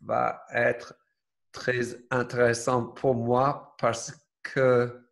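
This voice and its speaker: Male host, unhurried, stumbling fillers in a loose conversation. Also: medium pitch, flat delivery, gravelly. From Ireland. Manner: hesitant, halting French with many fillers. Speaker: podcast host. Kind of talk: casual chat.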